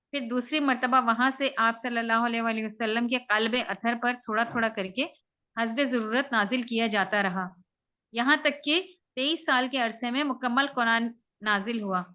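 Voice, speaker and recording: A woman student reading a lesson aloud in a steady way and giving short answers to her teacher. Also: on the high side, lo-fi sound.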